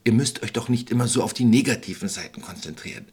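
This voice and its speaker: Storybook witch, sly and sweet-talking, husky tone, read by a man. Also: medium pitch, quick pace, darkish tone, natural voice. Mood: coaxing. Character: scheming fairy-tale witch, older woman.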